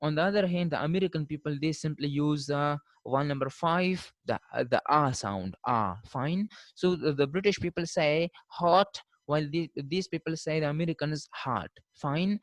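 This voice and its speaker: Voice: medium pitch, fairly quick, hardly any pauses, no echo. A linguistics lecturer teaching pronunciation differences, saying each example word twice and closing points with "fine.". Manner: ends points with a checking "fine".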